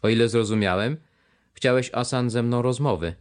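A man's voice: mid-range voice, normal speed, close to an everyday voice. A man voicing a suspicious, hot-tempered nobleman colonel who speaks coldly and curtly, reading an audiobook. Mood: impatient. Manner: cold, curt and impatient.

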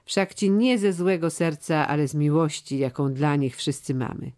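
A man's voice: on the high side, normal speed, darkish tone, natural voice. A man reading a grave, loyal old steward. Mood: grave, earnest. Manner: solemn, earnest old-fashioned speech. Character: aging loyal steward, grieving, tender. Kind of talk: audiobook character reading.

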